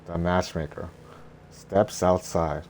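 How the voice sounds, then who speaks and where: A man reading a script aloud in a boring, droning, deadpan monotone, with faint noise behind him. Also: low voice, slow. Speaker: reader of screenplay.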